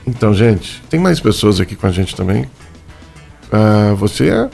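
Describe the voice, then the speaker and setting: A man's voice: fairly low pitch, big pitch swings, moderate pace, creaky, a little mellow, soft background music. A man with a Brazilian accent hosting a radio interview in a studio, chatty and jokey, full of fillers. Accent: Brazilian Portuguese. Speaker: radio host. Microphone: studio microphone.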